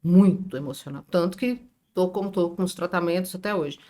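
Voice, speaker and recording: Middle-aged Brazilian woman, São Paulo accent, expressive podcast guest who acts out quotes and jokes. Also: on the low side, fairly quick. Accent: Brazilian Portuguese, São Paulo area. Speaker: real estate business owner, podcast guest. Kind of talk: emotional storytelling in a podcast interview.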